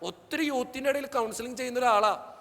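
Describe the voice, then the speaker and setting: A priest gives a lively, joking talk to young people, slipping into the voices of the people in his stories. His voice sits very high for a man and has a gravelly edge. It rings with a long reverb, as if across a big hall. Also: fairly quick. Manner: animated storytelling, acting out the people he quotes.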